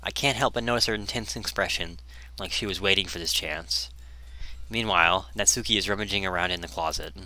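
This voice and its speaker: A man's voice: low voice, brisk, sharp tone. A man reading a visual novel aloud and commenting on it, often stumbling over words and restarting. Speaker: game player reading aloud.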